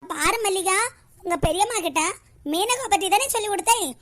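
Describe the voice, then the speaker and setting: A woman with a Kanyakumari Tamil accent voicing a whiny, exclaiming character in an animated comedy. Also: very high-pitched, fairly quick.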